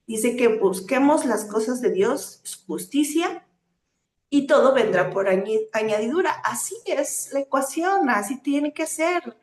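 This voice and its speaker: This woman's voice is high-pitched and darkish, with lively intonation and a measured pace. Delivering a sermon, she teaches with earnest rhetorical questions, often pausing on hesitant fillers between phrases, in a room full of echo.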